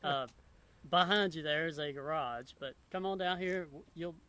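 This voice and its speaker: A man hosting a casual chat outdoors, laid-back and chuckling, halting often with fillers. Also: fairly high pitch, sharp tone. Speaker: podcast host.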